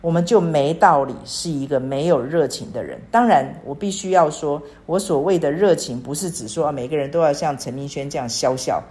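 A woman's voice: low-pitched, a little fast, hardly any pauses, darkish tone. A woman in her sixties giving an earnest devotional talk, repeating phrases and pleading in prayer. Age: 60s. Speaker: church speaker. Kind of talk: devotional teaching.

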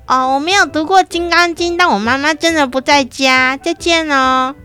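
A sly little girl answers the phone with a high, sweet voice and an overly polite calm, as a woman puts her on while telling a story. She fibs steadily and never slips. Faint music sits underneath. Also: moderate pace. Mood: falsely calm.

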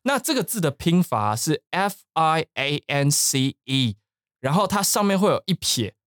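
A man's voice: fairly high pitch, big pitch swings, a little slow, a bit bright, no echo. Man teaching English words in a dry studio. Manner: explains patiently, spells words letter by letter, joking asides. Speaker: English teacher and podcast co-host. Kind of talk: bilingual language lesson chat.

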